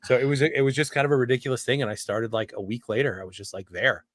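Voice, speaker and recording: A man chatting as a guest on a comics show, telling relaxed stories and acting out the people he quotes. His voice is mid-pitched and recorded dry and close, with no room echo. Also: fast talker. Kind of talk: casual interview chat.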